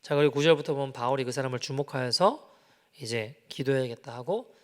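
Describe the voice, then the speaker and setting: A male pastor preaching a sermon, telling a story and acting out its dialogue, moving between soft and loud passages. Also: mid-range voice, fairly quick. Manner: animated, acts out quoted dialogue, swings from soft to loud. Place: church sanctuary. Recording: long church-hall reverb.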